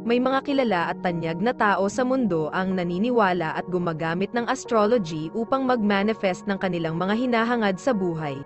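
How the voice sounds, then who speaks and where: A woman narrating daily horoscopes in a measured, formal reading style. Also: medium pitch. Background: faint background music.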